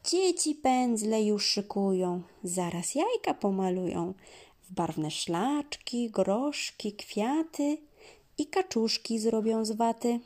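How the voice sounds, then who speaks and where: A woman reads children's verse aloud at an unhurried, measured pace, her voice sitting fairly high. She shapes the rhymes in a sing-song, expressive way. Now and then she sinks to a soft whisper. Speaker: storyteller.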